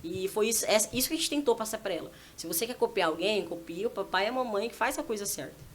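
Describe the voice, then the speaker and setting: Fast-talking mother telling a family story. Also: mid-range voice, a little hiss or hum. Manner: animated, acts out dialogue with her child. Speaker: guest, mother of a small daughter. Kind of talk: casual storytelling testimony. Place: church podcast setting.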